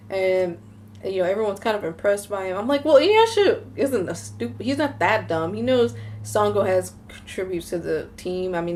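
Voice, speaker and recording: A young woman talks through an anime episode in a loose, rambling way. Her voice sits at a middle pitch, and she keeps circling back with fillers and restarts as she works out her thoughts. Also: darkish tone, a little hiss or hum. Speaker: anime reviewer. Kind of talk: casual spoken episode review.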